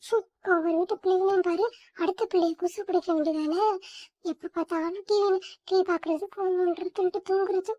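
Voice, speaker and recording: A woman doing a shrill, nagging old grandmother. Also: steady tone, brisk, mellow, dry recording, highs cut off. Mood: grumbling. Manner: harsh, nagging, contemptuous. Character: scolding, bitter old grandmother who resents her grandchild. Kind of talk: family skit.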